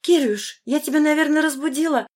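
A woman's voice: sits high, pitched above the performer's own voice, close to an everyday voice. A woman voicing a worried, doting middle-aged mother who fusses over her daughter on the phone in an audiobook. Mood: anxious, doting. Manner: anxious, doting and brisk.

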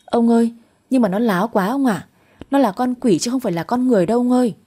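A woman playing a shrill young wife, spiteful and whiny, raised pitch, mellow husky tone, storybook reading. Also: quick pace. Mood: wailing. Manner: shrill, wailing complaints.

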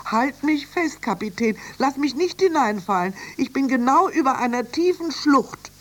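A reader voicing an excitable young girl who talks in breathless, wide-eyed chatter in a children's radio story. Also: high-pitched, moderate pace, voice pushed up. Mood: excited.

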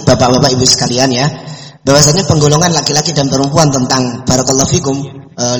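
A man's voice: a little high, a bit bright. A middle-aged man, giving a folksy, conversational religious study talk as a preacher answering questions. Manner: conversational and folksy, mixing in anecdotes. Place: mosque hall. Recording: echoey mosque hall reverb.

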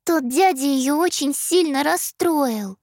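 A woman's voice: high-pitched, takes it slowly, darkish tone, no echo, clean studio sound, voice pushed up. A woman voicing a pleading ghost child. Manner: small, plaintive child's voice. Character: ghost boy speaking through a young man, pleading.

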